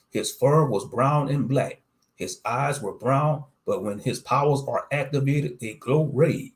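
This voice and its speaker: A man's voice: mid-range voice, darkish tone. A man reading a scripted first-person story as its narrator.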